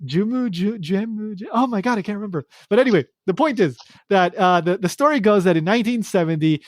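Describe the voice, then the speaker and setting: A man's voice: sits high, expressive, quick pace, no echo, studio quality. A man hosting a podcast, talking casually and rambling with many fillers and restarts. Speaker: podcast host.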